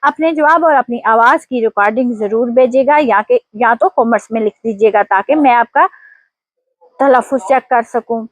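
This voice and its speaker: A woman teacher giving an online language lesson, explaining pronunciation rules slowly and quizzing her viewers. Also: a little high, no echo. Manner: slow, deliberate explanations with quiz prompts.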